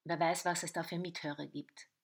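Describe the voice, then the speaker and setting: A woman reads a short crime serial aloud, her voice sitting somewhat low. She tells the story and slips into the characters' lines, sometimes dropping into a whisper. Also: level tone, fairly quick, vocal fry, husky. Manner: reads dialogue in varied voices, some whispered. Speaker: narrator. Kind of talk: storybook narration with voiced dialogue.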